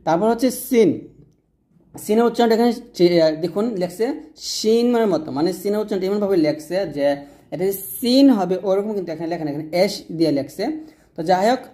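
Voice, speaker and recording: A woman with a Bangladeshi Bengali accent teaching Arabic letter pronunciation, patiently repeating each sound slowly. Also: medium pitch, expressive, warm tone. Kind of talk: explaining letter by letter.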